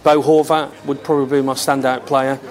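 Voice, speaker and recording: A man's voice: mid-range voice, level tone, brisk, heavy background noise. A man with an English accent talking casually as an interviewed sports fan. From England.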